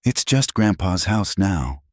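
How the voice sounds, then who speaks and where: A man's voice: sits low, very animated, takes it slowly, dry recording, pitched above the performer's own voice, full character voice. A man voicing a pushy, resentful grown daughter who pressures her father, in a dry close recording. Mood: pushy, upset. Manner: insistent, pressuring.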